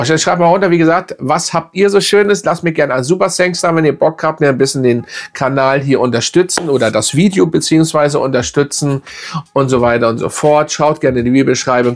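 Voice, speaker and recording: A man giving a casual, blunt fragrance review, rambling with lots of fillers and restarts. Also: medium pitch. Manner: blunt and colloquial.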